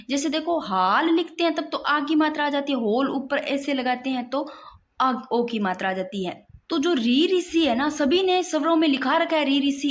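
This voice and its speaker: A young woman teaching Hindi grammar in a casual, insistent way, often saying "look" as she writes out examples. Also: high-pitched. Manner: repeats "dekho" often, insistent and explanatory, writes while talking. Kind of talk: casual classroom explanation.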